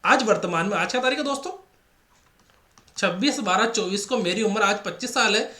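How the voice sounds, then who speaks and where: This male math teacher, who has a Rajasthani Hindi accent, speaks in a high, brisk, bright and forceful voice. He runs an exam-prep lesson, repeating every step and drilling points with rhetorical questions to the class in an echoey room.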